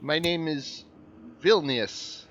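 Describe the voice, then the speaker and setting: A man's voice: on the high side, takes it slowly, a bit bright, muffled recording, voice pushed up. A man voicing a sickly, frightened man in hiding for a tabletop game, pleading and hesitant. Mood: nervous.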